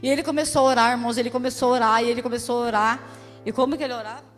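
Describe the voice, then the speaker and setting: A woman's voice: a little high, steady tone, very fast. Emphatic Brazilian woman testifying in church. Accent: Brazilian Portuguese. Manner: emotional, emphatic, addresses the congregation directly. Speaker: missionary giving a testimony. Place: church hall. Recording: echoey church hall with soft music.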